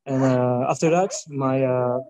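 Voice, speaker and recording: Halting French-accented young man. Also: mid-range voice, fairly even intonation, dark tone, low-quality recording. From France. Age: 20s. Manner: halting, many filler sounds and restarts. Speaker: youth scout representative. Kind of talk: panel interview.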